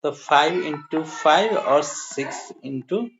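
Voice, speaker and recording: This maths teacher, whose voice sits at a medium pitch, is expressive and takes things slowly as he walks the pupils through a lesson step by step. Each sum gets counted aloud, and he addresses the class as "dear children." There's a faint hiss, and the sound is a little muffled.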